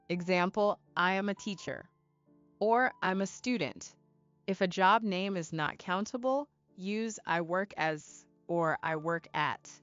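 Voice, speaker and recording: A woman teaching English to beginners in a slow, clear, deliberate scripted style, asking learners to repeat after her. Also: on the low side, a bit bright, dull audio. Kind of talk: slow scripted lesson narration.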